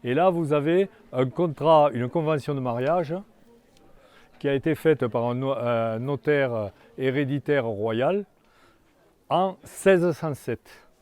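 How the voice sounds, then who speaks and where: Older male guide, mellow low tone, outdoors, stop-start delivery. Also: clear, resonant tone, dry recording. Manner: halting, many restarts and fillers. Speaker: tour guide. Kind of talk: guided tour talk. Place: outdoors in a hamlet.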